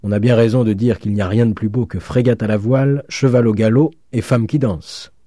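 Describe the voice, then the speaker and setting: A male narrator voicing an eager, excitable young law student in an audiobook. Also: fairly low pitch, fairly quick, no room sound, studio quality, pitched above the performer's own voice, natural voice. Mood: excited. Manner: breathless and enthusiastic. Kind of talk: audiobook reading.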